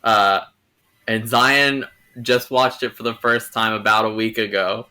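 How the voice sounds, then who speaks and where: A young man hosts a casual film review chat. He rambles and hedges, often restarting his sentences. His voice is bright and forward. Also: on the low side, steady tone, a little slow, clean tone. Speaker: host.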